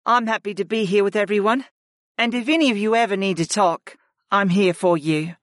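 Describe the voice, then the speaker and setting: A man voicing a young female ice mage who speaks gently and sincerely. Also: sits high, brisk, no room sound, studio quality, pitched above the performer's own voice.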